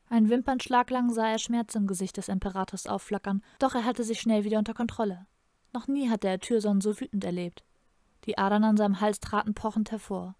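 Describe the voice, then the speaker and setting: A woman reading her own novel aloud in a measured, dramatic narration. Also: medium pitch, mellow, no echo, clean studio sound. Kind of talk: audiobook narration.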